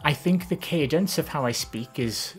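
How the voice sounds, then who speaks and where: Streaming live and fielding viewer questions, this Valleys-born Welsh woman has a gentle, soft, lowish voice with a less feminine tone. Her talk wanders, full of ums and restarts, delivered at normal speed with faint music in the background.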